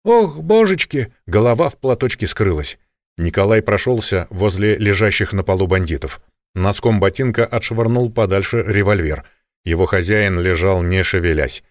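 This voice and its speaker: A man narrating an audiobook in a steady, matter-of-fact way. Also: sits low, moderate pace, dry recording, studio quality. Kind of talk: scripted narration.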